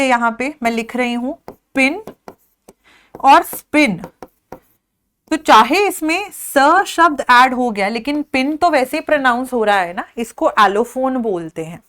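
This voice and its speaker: A woman's voice: fairly high pitch, a bit bright. An Indian woman teaching an exam prep lesson, explaining step by step and checking in with her listeners. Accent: Indian English. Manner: explains step by step, mixing English and Hindi; slows right down to read out questions.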